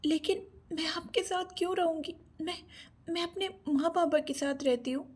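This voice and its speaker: A woman voicing a timid, frightened young woman in an audio story, speaking softly and pleadingly in a raised voice. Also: high voice, normal speed, pitched above the performer's own voice. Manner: pleading, soft and shaky.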